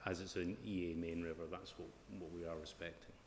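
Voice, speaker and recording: A man with a broad Scottish accent gives formal expert answers. His voice is low and flat in intonation. It is recorded in a reverberant room with noise behind it. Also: fairly quick. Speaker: flood risk and drainage consultant giving evidence. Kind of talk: formal question-and-answer evidence at a planning inquiry. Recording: echoey hall with clear background noise.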